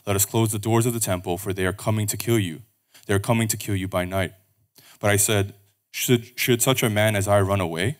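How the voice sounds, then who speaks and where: A man reading scripture aloud at a pulpit microphone in a church service, steady and measured. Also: fairly low pitch.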